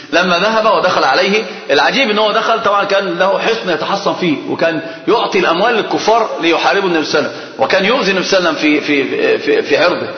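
A male scholar teaching a religious class, telling stories with animation and quizzing his students. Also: sits high. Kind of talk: religious lesson with storytelling. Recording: echoey hall, dull lo-fi sound.

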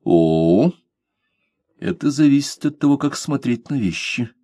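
A man's voice: on the low side, normal speed, no echo, clean studio sound. A man voicing a composed, courteous pirate captain who speaks with cool irony. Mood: ironic. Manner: calm, courteous, mocking. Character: calm, ironic pirate captain, male adult.

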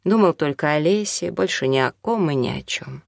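A woman with a low voice narrates an audiobook in an even, measured way. The recording is close and dry, with no room echo. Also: vocal fry.

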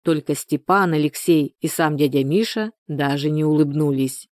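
An audiobook narrator reading prose in an even, measured voice of middle pitch. The recording is close and dry, with no room sound. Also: dry recording.

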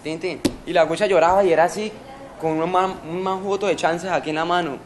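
A man's voice: high voice, steady tone, brisk. A Colombian man in his early twenties being interviewed, telling a rambling street story full of slang and sound effects. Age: early 20s. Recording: noisy background.

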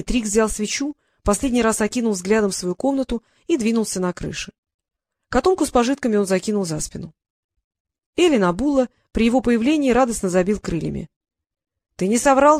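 A woman reading a fantasy story aloud in even scripted narration. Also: fairly high pitch, no echo, clean studio sound. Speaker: audiobook narrator.

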